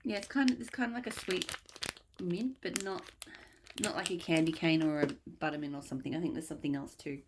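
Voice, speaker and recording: Low, gravelly-voiced woman vlogger. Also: steady tone, fairly quick, background noise. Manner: chatty, rambling, thinking aloud. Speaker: vlogger reviewing wax melts. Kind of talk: casual haul review chat.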